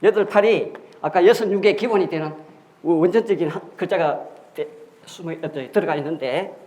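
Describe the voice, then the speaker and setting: Guy teaching a class, talks kinda high, keeps repeating words and asking questions, roomy echo. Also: a little fast, darkish tone. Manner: explains step by step, asking rhetorical questions and repeating key words. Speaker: lecturer on Korean history and Chinese characters. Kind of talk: classroom lecture. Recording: echoey room.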